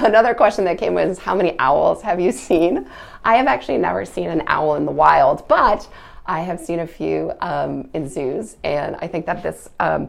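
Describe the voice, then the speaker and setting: Her voice sits low and carries a creaky edge. As host, she reads from a children's book and fields questions, blending storytelling with casual explanatory talk.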